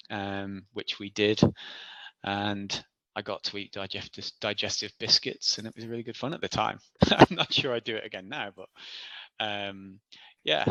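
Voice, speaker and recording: Man in his forties, bright voice. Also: fairly low pitch, gravelly, dry recording. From Isle of Man. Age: 40s. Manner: chatty, self-deprecating, laughs often. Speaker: podcast guest. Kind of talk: casual interview storytelling.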